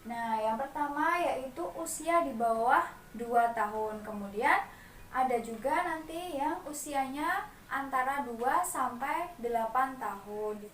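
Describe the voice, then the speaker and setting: High-voiced woman leading a class. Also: animated, takes it slowly, fairly bright tone, slight background noise. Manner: leads group clap chants with the mothers; explains step by step, addresses the group as mothers. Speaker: parenting class facilitator. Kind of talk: classroom training session. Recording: echoey room, distant mic, faint background ambience.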